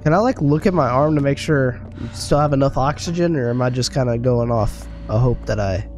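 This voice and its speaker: A laid-back man makes casual, joking comments into his desk mic as he plays. His voice sits at a middle pitch, and faint music plays behind him. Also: brisk, darkish tone. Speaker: gaming streamer. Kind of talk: casual let's-play commentary.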